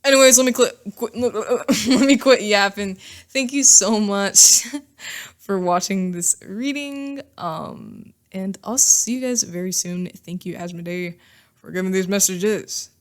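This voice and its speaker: A woman's voice: mid-range voice, measured pace. A woman giving a casual spoken tarot reading into a microphone, reassuring and chatty, often checking in with "okay?" and "all right?". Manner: chatty and informal, with fillers and asides. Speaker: tarot reader.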